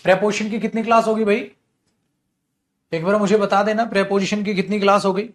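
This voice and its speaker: Here a man with a high, steady voice talks a little quickly as he teaches English grammar over the internet. Tea in hand at home or in a studio, he mixes Hindi chatter with English sample sentences and coaxes students along as "bhaiya" and "beta."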